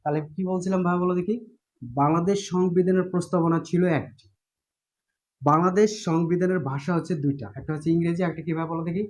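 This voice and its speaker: A male teacher runs an online exam-prep class. His voice sits slightly high for a man. He talks casually, repeats key points and keeps asking his students whether they follow. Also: fairly even intonation, fast talker. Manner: repetitive, checks in with students often.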